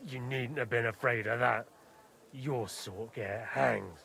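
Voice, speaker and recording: A man's voice: medium pitch, takes it slowly, gravelly, bright, forceful tone, slight background noise, full character voice. A spiteful soldier speaking at a video game trial. His mid-range voice carries a snide, sneering tone.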